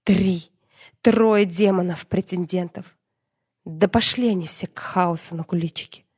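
A woman's voice: lowish voice, unhurried, darkish tone, husky. A woman voicing a defiant young heroine, a student bound against her will, in an audiobook. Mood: indignant.

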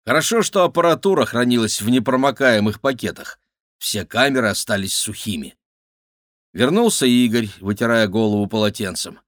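A man's voice: mid-range voice, animated, moderate pace, a bit bright, no echo, studio quality. Man narrating a children's adventure book. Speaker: audiobook narrator.

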